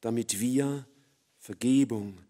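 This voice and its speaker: A middle-aged man preaching an evangelistic sermon, swinging from loud emphatic peaks to hushed, low passages. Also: takes it slowly.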